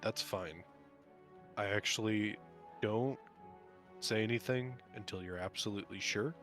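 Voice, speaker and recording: Lowish-voiced man gamer, halting. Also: fairly bright tone, faint music behind. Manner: measured, then rambling with many fillers. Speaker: tabletop game player. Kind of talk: casual game-night talk.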